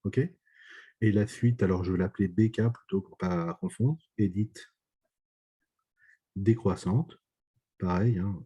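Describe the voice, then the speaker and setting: Male math teacher, low dark husky voice, halting lecture delivery with constant "d'accord?" checks. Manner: hesitant, many fillers and checks for understanding. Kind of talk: online lecture.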